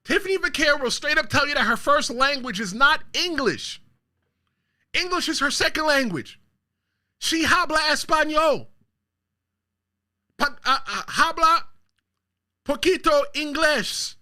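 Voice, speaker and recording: This Bronx host's voice is extremely high, animated, pushed and bright, and he goes a little slow with long pauses. On his own wrestling commentary show, he speaks straight to viewers and fires off emphatic hot takes.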